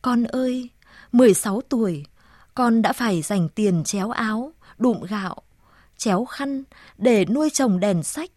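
A woman's voice: a little high, expressive, measured pace, darkish tone, no room sound, clean studio sound. A woman voicing a sorrowful old grandmother, murmuring tenderly to her dead daughter in a storybook reading. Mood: grieving. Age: older.

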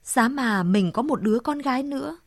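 A woman's voice: high-pitched, lively intonation, normal speed, no room sound, clean studio sound. A woman voicing a grieving old grandmother. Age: older. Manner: sobbing, tender, murmuring to the dead. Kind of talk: storybook reading.

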